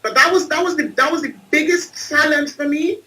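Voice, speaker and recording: A woman's voice: high voice, brisk, sharp tone, far from the mic, low-quality recording. A woman from Trinidad and Tobago, telling her life story emphatically as an interview guest on a video call. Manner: emphatic, repeats phrases for effect. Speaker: guest, entrepreneur and speaker.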